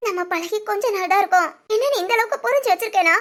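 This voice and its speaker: In animated family-drama voice acting for a cartoon, a hurt young wife cries as she speaks in a very high, thin, slightly bright voice. She talks fast, complaining plaintively and pleading, upset, with sobs breaking through her lines.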